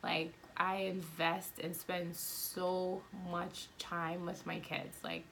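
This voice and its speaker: A woman's voice: lowish voice, little pitch movement, takes it slowly, gravelly, a bit bright, slight background noise. A woman from Guyana in her thirties, talking candidly and rambling with lots of fillers in a casual podcast chat.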